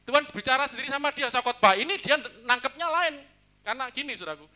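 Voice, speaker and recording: A man preaching a sermon as pastor, talking in a lively, joking way. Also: very high-pitched, quick pace. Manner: lively, joking, mixes in Javanese.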